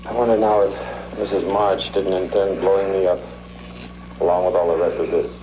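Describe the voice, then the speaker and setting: An actor playing a coolly calculating mad doctor in an old horror B-movie, speaking in a deliberate, condescending, menacing way. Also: male voice, low voice, flat delivery, lightly acted. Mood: coldly menacing. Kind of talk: old B-movie film acting. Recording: dull noisy old film soundtrack.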